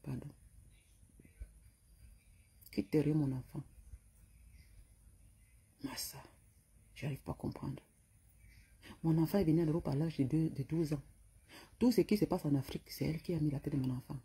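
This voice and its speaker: Middle-aged woman, Cameroonian French accent, raspy and fried voice, furious scolding vlog rant. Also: deep voice, steady tone, moderate pace, long pauses, dark tone. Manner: heated, scolding, insulting tirade. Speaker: vlogger.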